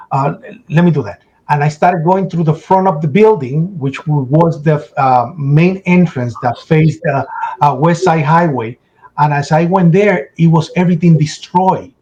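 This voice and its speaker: A man giving emotional first-person testimony in an interview, telling his story urgently and acting out shouts and the words people said. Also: fairly high pitch, dull audio. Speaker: interview guest.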